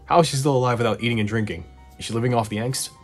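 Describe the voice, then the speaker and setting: A man's voice: medium pitch, racing. A man narrating a casual, sarcastic video recap in a conversational way. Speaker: host of a video retrospective. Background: background music.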